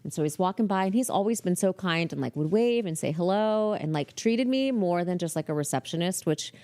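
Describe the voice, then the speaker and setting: A woman hosting a podcast, telling a story in a casual, chatty monologue full of "like" fillers and animated quoting. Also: lowish voice, brisk. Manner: chatty, heavy use of "like" fillers; animated, quotes people in character. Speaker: podcast host.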